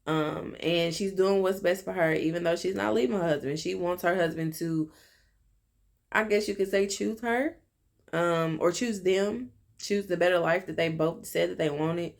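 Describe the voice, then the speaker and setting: A young woman recaps a TV episode in a loose, chatty way, sprinkling in fillers and acting out lines of dialogue. Her voice sits low and carries a gravelly, fry-tinged texture. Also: moderate pace. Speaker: TV episode reviewer. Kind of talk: casual recap monologue.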